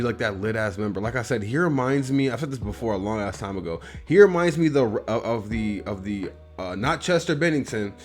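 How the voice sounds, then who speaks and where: A man with a Midwestern US accent talks through an album review in a loose, rambling way, swearing freely. His voice sits a little low, and soft music plays faintly behind him. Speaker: host.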